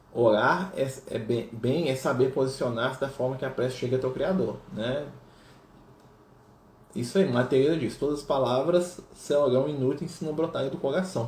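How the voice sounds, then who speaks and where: A man's voice: on the high side, a little mellow. A man leading a study group in casual teaching talk, reading passages aloud and checking in with many tag questions. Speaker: spiritist study group leader. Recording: roomy echo with faint noise.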